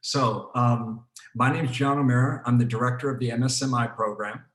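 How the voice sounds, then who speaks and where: A man's voice: medium pitch, fairly quick. A man hosts an online panel as a program director. He talks loosely, with many fillers and restarts. His video call audio sounds roomy and echoey. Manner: relaxed, with frequent fillers and restarts. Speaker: program director hosting a webinar.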